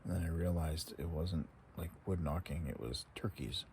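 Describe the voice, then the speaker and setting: A man with a deep, low voice narrates a solo camping vlog. He muses casually and without hurry, as if thinking aloud. The recording is made outdoors, with light ambient noise behind him. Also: darkish tone. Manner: unhurried, musing, talking to himself. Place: outdoors at a woodland campsite and in a tent.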